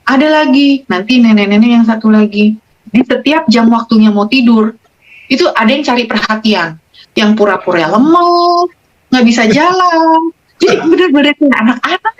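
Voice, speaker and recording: A woman, guest on a casual podcast, telling stories with animated, emotional delivery and acted-out quotes. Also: fairly high pitch, normal speed. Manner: animated, emotional, quoting patients in dialogue. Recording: dull lo-fi sound.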